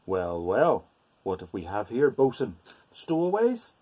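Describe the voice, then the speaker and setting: A man's voice: medium pitch, huge pitch swings, measured pace, mellow. A man voicing a thin, genteel lady who commands a make-believe ship, theatrically reading a storybook to a young child. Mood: mock stern.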